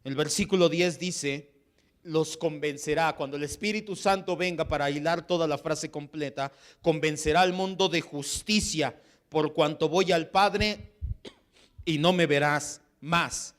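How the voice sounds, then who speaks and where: Impassioned Mexican pastor preaching. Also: male voice, fairly high pitch, a little slow, a bit bright. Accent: Mexican Spanish. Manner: impassioned preaching, acts out quoted voices. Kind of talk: sermon.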